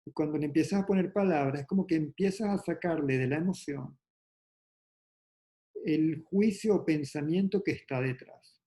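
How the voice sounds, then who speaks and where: A man leading an online meditation class, explaining slowly and gently in a calm, reflective way over a video call. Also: on the high side. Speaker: yoga and meditation teacher.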